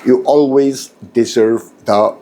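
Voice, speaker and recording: Male business coach, voice memo, emphatic, repetitive delivery, mid pitch. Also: steady tone, slow pace, mellow. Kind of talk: recorded voice message.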